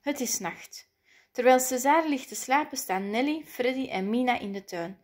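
A woman reading a children's picture book aloud, lively and playful. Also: high-pitched, moderate pace. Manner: lively, playful voices for the characters. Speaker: storybook reader.

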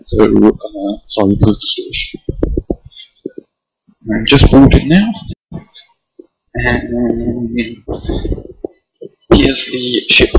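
A man's voice: mid-range voice, big pitch swings, extremely slow, creaky, pauses often, slightly rough. A man vlogging in a casual, dryly self-deprecating way, recorded through an earphone used as a microphone, so his voice comes out fuzzy and distorted. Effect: distorted, fuzzy earphone-mic recording.

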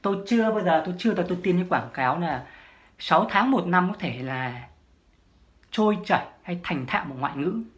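A woman's voice: lowish voice, lively intonation, a little fast. A woman, a language-learning vlogger giving a solo advice monologue, emphatic and repeating her key points.

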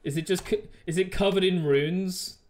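A man doing live gameplay commentary as a streamer, chatty and excitable, swearing often. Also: high voice, moderate pace. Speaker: game streamer.

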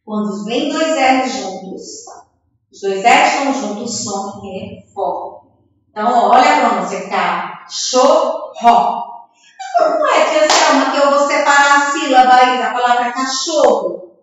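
Woman, first-grade teacher, slow sing-song syllable drills, long echoing reverb, far from mic. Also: sits high, slight background noise. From Brazil. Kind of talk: remote reading lesson for young children. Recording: echoey room, far from the mic, dull lo-fi sound.

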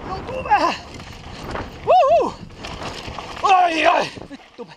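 A man's voice: very high-pitched, animated. A man giving a casual running commentary as he rides a mountain bike trail, with breathless exclamations, swearing and self-mocking remarks. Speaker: mountain biker filming his ride. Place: outdoor bike park trail. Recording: outdoor wind noise on camera mic.

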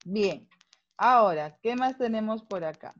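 A woman's voice: mid-range voice, lively intonation, unhurried, fairly bright tone, highs cut off. A woman teacher with a Peruvian Spanish accent, explaining a grammar lesson patiently in an online class and checking understanding with frequent tag questions.

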